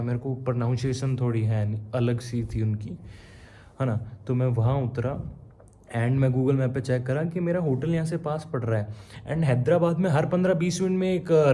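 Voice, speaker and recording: Chatty young man vlogging, warm voice. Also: mid-range voice, slight background noise. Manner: chatty, mixes English into Hindi, says bro often. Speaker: travel vlogger. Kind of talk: casual travel vlog. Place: hotel room.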